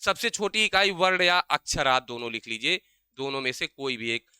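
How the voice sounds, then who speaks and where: A young man teaching an exam-prep grammar lesson. He keeps asking his own questions and answering them, and he slows down to spell out sounds. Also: mid-range voice, animated, bright, forceful tone, smooth, dry recording.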